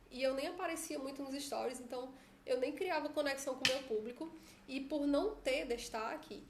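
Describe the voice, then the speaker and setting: In a relaxed phone live stream, a Brazilian woman coaches her followers, chatty and fond of tag questions, with a Brazilian Portuguese accent. Her voice sits high, and the echoey room carries slight background noise.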